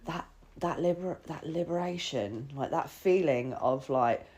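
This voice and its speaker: Husky, low, and a little mellow, this woman's voice moves unhurriedly. She hosts a podcast about her own experiences, speaking in a confessional, informal way with swearing, lots of "like," and self-quotes.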